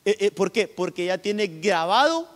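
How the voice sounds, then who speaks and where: A man's voice: high voice, sing-song, a little slow. A male pastor from Honduras preaching a sermon with emphatic delivery, often calling out to his listeners directly. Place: church hall. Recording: long hall reverb.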